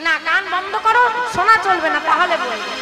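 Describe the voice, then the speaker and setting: A woman leads a devotional kirtan, half storytelling and half song, with a very high voice. She teases her listeners playfully between refrains. Tabla, instruments and a live crowd sound behind her on a stage mic. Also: fairly quick, echoey room, loud music behind the voice. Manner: playful, teasing the audience between sung refrains. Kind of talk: devotional kirtan, sung and spoken. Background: tabla and instruments, audience.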